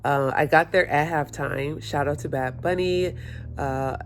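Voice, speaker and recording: In a casual home vlog by the windows, a woman speaks into a held or propped phone in a low, unhurried voice. She's stuffy and hungover, chatting and rambling with self-mocking humor, and there's slight background noise.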